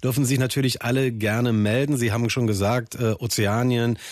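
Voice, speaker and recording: A man's voice: medium pitch, fairly even intonation, a little fast, a little mellow, dry recording. A man hosting a morning radio show, interviewing a guest in the studio in an upbeat, enthusiastic way. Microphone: studio microphone.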